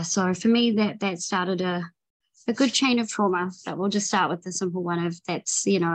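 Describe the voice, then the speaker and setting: A young woman with a New Zealand accent shares her personal recovery story, rambling tiredly with many ums and restarts. Her voice sits on the low side, and the recording is rough.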